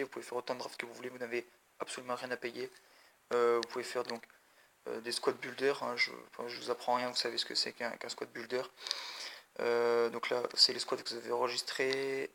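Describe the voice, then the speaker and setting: A mobile gaming video creator rambles chattily over a mobile football game, talking straight to his viewers. His medium-pitched voice is creaky, pushed and bright. A little hiss or hum is audible.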